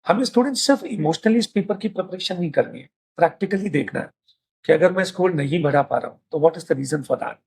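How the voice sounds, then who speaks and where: Gravelly man addressing students. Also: on the high side, expressive, brisk, darkish tone. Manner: mixes Hindi with English phrases, addresses students directly. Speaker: host. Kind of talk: casual panel discussion.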